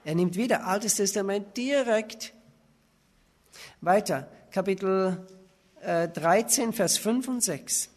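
A man's voice: high voice, slow pace. A man preaching a sermon, reading verses aloud and pressing his points with emphatic rhetorical questions. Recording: reverberant hall.

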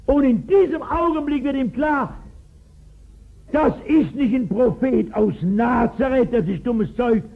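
A man's voice: extremely high pitch, unhurried, vocal fry. A man in his sixties, a pastor telling a Bible story in a sermon, emphatic and often asking his listeners questions, on a tinny 1960s recording. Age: 60s. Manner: storytelling, emphatic, asks the audience.

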